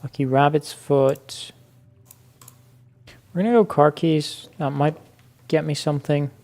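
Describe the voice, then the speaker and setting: A man's voice: a little high, unhurried, vocal fry, darkish tone. A man giving casual let's-play commentary, thinking aloud with many fillers and restarts. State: hiccuping. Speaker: gaming YouTuber.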